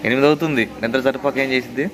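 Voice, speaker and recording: A man's voice: medium pitch, fairly even intonation, rapid-fire, background noise. A man chatting casually to his viewers in a vlog. He laughs often and keeps coming back to the same stock phrases. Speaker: vlogger. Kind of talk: casual travel vlog chat.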